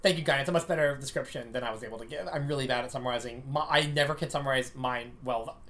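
A woman with a Southern American accent talks about comics in a casual, rambling way. Her voice sits low. She sounds enthusiastic and a little self-deprecating. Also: fast, fairly bright tone. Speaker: comic creator co-hosting a stream. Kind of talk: casual chat.

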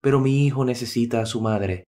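A man voicing a gentle middle-aged surgeon and father, talking softly and in a measured way in a storybook tale. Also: medium pitch, close to an everyday voice. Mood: earnest.

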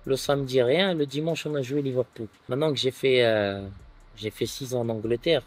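Relaxed man chatting with "tu vois" fillers. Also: medium pitch, brisk. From France. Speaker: guest footballer. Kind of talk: casual interview chat. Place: outdoor terrace on a sofa.

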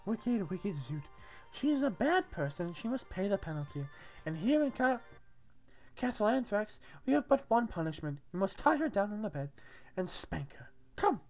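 A woman's voice: mid-range voice, sing-song, moderate pace, darkish tone, dull audio, faint music behind. Woman playing a gushing, flirtatious castle maiden, Zoot. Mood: scolding. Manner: theatrical, gushing, insistent. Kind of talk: comic script read-through.

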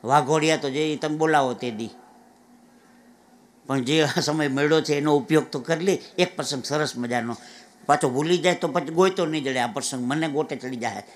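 A man telling comic folk stories on stage, lively and chatty, with asides to the audience. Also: on the high side, normal speed, slight background noise. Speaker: folk comedian. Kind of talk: live dayro comic storytelling. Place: live stage event with an audience.

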